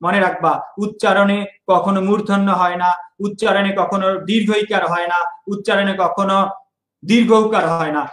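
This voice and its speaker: High-voiced man teaching online. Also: fairly even intonation, moderate pace, fairly bright tone, reverberant, rough recording. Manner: explanatory, repeats key points. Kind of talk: online exam-prep lesson.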